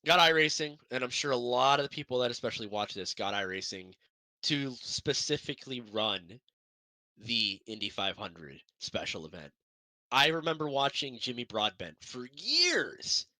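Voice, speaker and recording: A man's voice: mid-range voice, big pitch swings, normal speed, sharp tone, no echo. A young man co-hosting a sim racing broadcast, chatting casually and rambling in an upbeat, self-deprecating way. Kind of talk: casual podcast chat.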